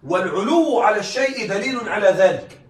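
A man's voice: high voice, expressive, fairly quick. A man teaching rhetoric in a classroom lecture, repeatedly asking his students whether they are following. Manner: keeps checking students follow. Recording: echoey classroom, distant mic, faint hiss.

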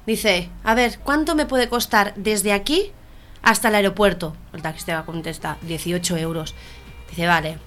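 A woman's voice: medium pitch, moderate pace, a little hiss or hum. A woman co-hosting a radio comedy show, telling jokes and acting out the characters. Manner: animated joke delivery, acting out voices. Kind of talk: joke-telling radio banter.

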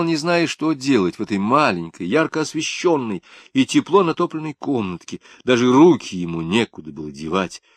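A man calmly narrating a literary audiobook in a measured reading voice. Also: medium pitch, no echo.

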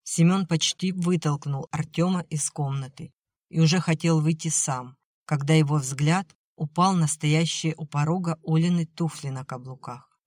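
A woman reading an audiobook aloud in a measured, even way. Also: deep voice, no echo, clean studio sound. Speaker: audiobook narrator. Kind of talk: scripted audiobook narration.

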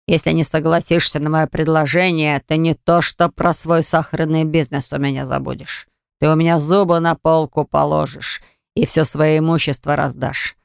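A narrator voicing a domineering, scheming older father who talks in a slow, insinuating and threatening way. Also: medium pitch, little pitch movement, gravelly, smooth, no room sound, clean studio sound, close to an everyday voice. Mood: menacing. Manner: insinuating, then threatening and contemptuous. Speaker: storybook character.

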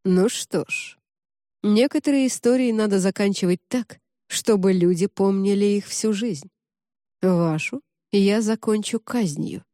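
A woman reading the part of a cold, composed middle-aged male cardinal inquisitor, who speaks calmly, slowly and with indifference. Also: mid-range voice, no room sound, clean studio sound, lightly acted. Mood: coolly menacing. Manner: calm, slow, indifferent.

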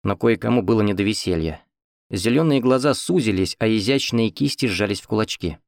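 Guy narrating an audiobook, low voice, dry close sound, kinda ironic. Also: expressive, fairly quick, creaky, dry recording. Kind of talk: first-person audiobook narration.

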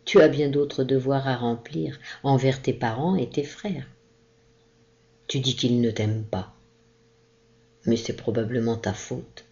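A kindly old sea captain, as read by a woman speaks in a gentle, caressing way, reassuring and warm. The storybook voice is mellow and low. The recording is dull and lo-fi.

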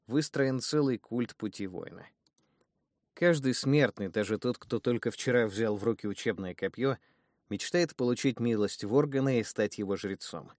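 A man reading a first-person fantasy audiobook in a measured, even storytelling manner. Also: lowish voice, no echo, clean studio sound. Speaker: audiobook narrator.

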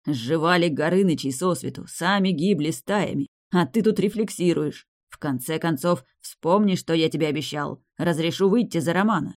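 A woman's voice: on the low side, moderate pace, close to an everyday voice. A woman voicing a ruthless scheming man who talks harshly through clenched teeth. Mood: harsh commanding. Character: ruthless scheming older male killer, hissing and gruff.

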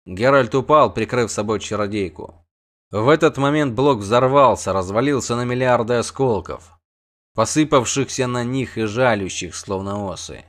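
A man's voice: medium pitch, normal speed, fairly bright tone. A man narrating an audiobook with tense, vivid storytelling.

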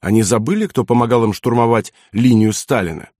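A man doing a quiet, confiding colonel. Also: mid-range voice, fairly quick, no echo, studio quality, lightly acted. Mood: cautious. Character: cautious, smooth German colonel.

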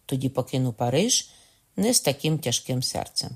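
A male reader putting on a loyal young soldier in a spoken storybook, blunt and resolute, sworn to revenge. The voice sits in a middle register, firm rather than loud. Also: medium pitch, sing-song, moderate pace.

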